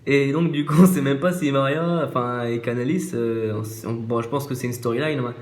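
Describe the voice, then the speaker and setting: A man's voice: medium pitch, fairly quick. A man casually recapping a wrestling show, hesitant, with many fillers and restarts, recorded on a phone. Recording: echoey room, faint music.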